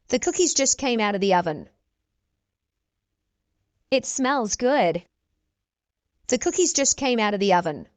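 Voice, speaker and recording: For learners' reading practice, a woman English teacher reads everyday dialogue lines slowly and clearly. Her high voice swings widely in pitch as she repeats each exchange unhurriedly, with no echo.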